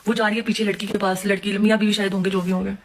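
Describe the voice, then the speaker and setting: A young woman with a Pakistani Urdu accent telling a story in a casual vlog, animated and quick, acting out what each person said. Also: medium pitch, a little hiss or hum. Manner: fast, animated retelling with acted-out quotes. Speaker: vlogger.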